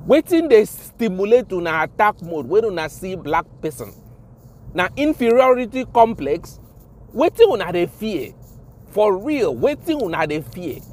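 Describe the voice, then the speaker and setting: A man's voice: high voice, sing-song, moderate pace, darkish tone. A man with a Nigerian accent, mixing Pidgin and English in an indignant, impassioned vlog rant, swearing and repeating himself for emphasis. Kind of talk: ranting vlog monologue.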